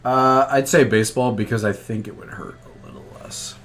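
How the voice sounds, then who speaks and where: A young man co-hosting a casual podcast, talking in a relaxed, hesitant way with many ums. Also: medium pitch, normal speed. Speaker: podcast co-host. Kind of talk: casual chat.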